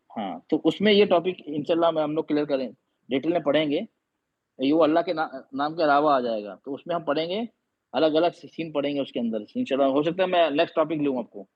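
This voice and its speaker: A male Quran teacher explaining reading rules in an online class, patiently quizzing his students again and again. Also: a little high. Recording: dull lo-fi audio.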